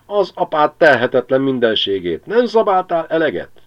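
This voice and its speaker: A man voicing a rough, hot-tempered farmhand who blusters angrily. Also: lowish voice, animated, voice pushed up, close to an everyday voice. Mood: angry. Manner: angry, blustering. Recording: slightly dull lo-fi recording.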